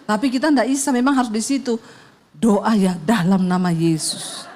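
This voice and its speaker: A woman's voice: fairly high pitch, normal speed. A middle-aged woman pastor, telling a funny story in a sermon and acting out the sounds and voices in it. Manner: animated and humorous, acts out sounds and dialogue.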